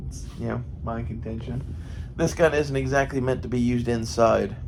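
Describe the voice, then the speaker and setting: A man's voice: medium pitch, fairly even intonation, moderate pace, creaky, a little mellow. An American man in a casual, rambling monologue, thinking aloud and swearing freely. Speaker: gun hobbyist vlogger. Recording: faint background noise. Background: faint ambient noise.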